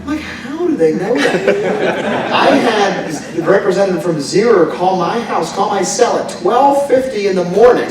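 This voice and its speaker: A man's voice: high voice, moderate pace, hardly any pauses, crowd noise. A man presenting casually to an audience, self-deprecating and laughing through his story. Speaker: amusement park manager. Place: large indoor presentation hall. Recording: echoey hall, from far off. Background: audience in the room.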